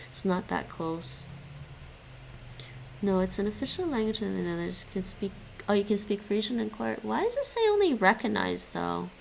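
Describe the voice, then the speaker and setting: A young woman live streamer chats casually with her viewers while studying languages, laughing a lot and frequently stopping and restarting. Her voice is lowish and gravelly. The audio is poor, with a little hiss or hum.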